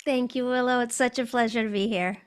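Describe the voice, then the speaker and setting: A woman's voice: on the high side, steady tone, a little fast, clear, resonant tone. A woman with an American accent, a guest telling her story in an interview, articulate and reflective.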